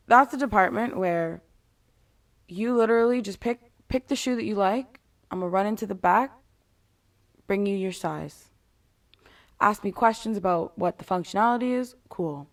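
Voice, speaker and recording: A woman with a mid-range voice talks casually and candidly, as if laying down rules for customers. She is blunt and swears freely, slipping in sarcastic, exasperated asides. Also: mid-range voice. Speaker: retail worker giving advice to customers.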